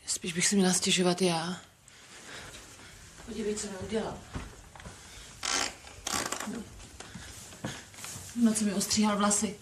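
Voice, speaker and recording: Film drama: actress as an exhausted wife in her late thirties, weary and defensive, mid-pitched. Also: fairly even intonation, long pauses, background noise, lightly acted. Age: 30s. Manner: weary, defensive, bursts into shouting. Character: exhausted wife and mother near forty, fed up.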